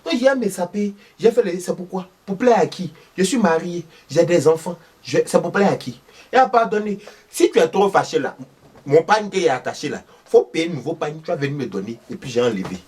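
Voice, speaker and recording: Comedy role: a man playing a husky, fiery older Ivorian mother, high and very lively, from a distant mic. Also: brisk. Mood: indignant. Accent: Ivorian French. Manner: loud, insistent, exclaiming.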